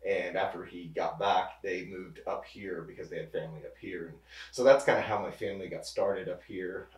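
A pharmacist in his thirties, a guest on a casual interview, talks fairly quickly in a low voice, relaxed and rambling, often circling back and restarting sentences. He's seated far from the mic, and the room lends a noticeable echo.

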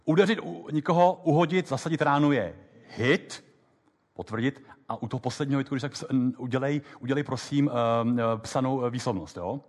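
A man giving a live lecture on memory techniques, explaining quickly and lively with many fillers. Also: medium pitch. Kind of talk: live lecture with app demo. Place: lecture hall with audience. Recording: long hall reverb.

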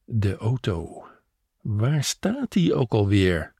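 A man's voice: on the low side, lively intonation, slow, a little mellow, breathy edge, dry recording, clean studio sound, exaggerated voice. A man doing a forgetful, muttering old man. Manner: muttering and vague. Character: forgetful, good-natured older man. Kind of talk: audio story reading.

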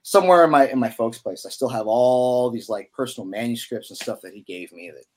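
A young man, a musician guest on a podcast, telling a story in a casual, animated way with lots of "you know". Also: medium pitch, a little fast.

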